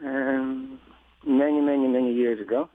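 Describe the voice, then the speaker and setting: A middle-aged man from Greece with a Greek accent, a guest speaking in a relaxed, wry way with many fillers. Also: medium pitch, normal speed, no echo. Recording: tinny phone line.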